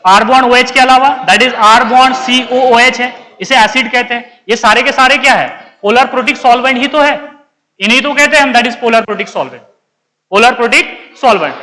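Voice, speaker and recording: An Indian man gives a chemistry lesson in a high, bright voice. He keeps firing questions at the class and answers them himself. His voice rings with a long hall reverb. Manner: keeps quizzing students and answering himself, calls them beta. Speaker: chemistry teacher. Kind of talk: classroom lecture.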